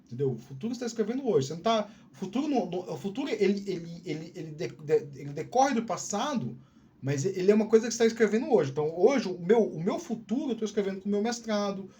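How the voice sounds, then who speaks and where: A man's voice: high-pitched, animated, fast talker, mellow. Candid Northeastern Brazilian man, drawling. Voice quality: drawling speech. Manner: rambling and candid, many restarts and "né, cara" tags. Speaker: YouTube channel host. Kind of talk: casual solo talk to camera.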